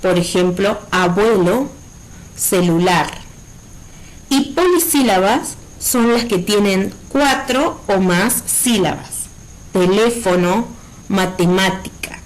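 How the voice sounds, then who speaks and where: A woman's voice: medium pitch, takes it slowly, poor audio. A woman primary school teacher giving a recorded virtual lesson, explaining patiently and checking in with her pupils.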